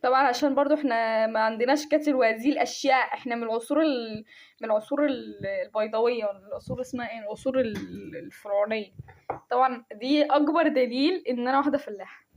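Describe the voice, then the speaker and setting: A young woman with an Egyptian Arabic accent, chatting casually to her viewers while making coffee, self-mocking and excitable. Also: fairly high pitch, fast. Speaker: vlogger. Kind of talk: casual chat to camera.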